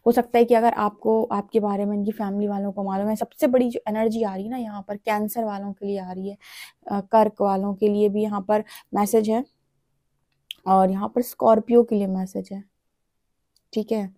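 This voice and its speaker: A woman's voice: medium pitch, level tone, normal speed, warm tone, no echo, studio quality. Chatty woman giving a tarot reading. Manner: chatty, repeats "theek hai?" as a check-in. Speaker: tarot reader. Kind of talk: casual spoken tarot reading.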